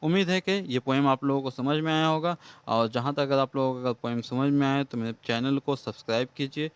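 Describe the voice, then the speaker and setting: A man's voice: medium pitch, fairly quick, clean tone, no echo. A man teaching a poem as a lesson, explaining it step by step and answering his own questions. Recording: dull lo-fi sound.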